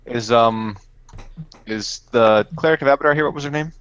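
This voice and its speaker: A man's voice: medium pitch, moderate pace, a bit bright, smooth, no room sound, lo-fi sound. A man speaking in character as a player in a tabletop game, earnest and repeating words as he starts.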